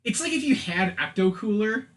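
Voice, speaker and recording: On his laid-back film and game podcast, the host speaks in a high-pitched, animated voice at a moderate pace, with a fairly bright tone. His talk meanders, is profane, and is packed with humorous comparisons.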